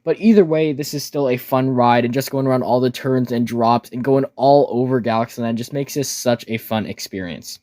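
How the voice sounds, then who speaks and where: A man's voice: medium pitch, normal speed, few pauses, dark tone. A man narrating a casual, enthusiastic voice-over commentary about amusement park rides in an informal way.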